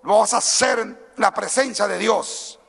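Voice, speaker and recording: A male pastor preaching a sermon, moving between calm teaching and shouted calls to move and praise. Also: sits high, measured pace, gravelly, slightly rough, in a large hall. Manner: swings from quiet teaching to shouted exhortation; mimics timid churchgoers in a small mocking voice. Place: church sanctuary.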